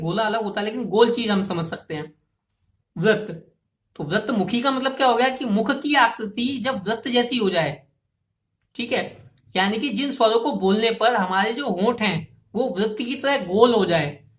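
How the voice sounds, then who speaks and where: A woman's voice: fairly high pitch, a bit bright, roomy sound. A woman teaching a grammar lesson. She explains patiently and step by step, repeats key terms and asks listeners to say the sounds aloud themselves. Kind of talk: classroom lesson.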